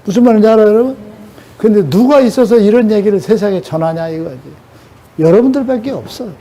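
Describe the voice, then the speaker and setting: A man's voice: sits high, quick pace, dark tone. An older man preaching a sermon in a scolding way, throwing rhetorical questions at his audience.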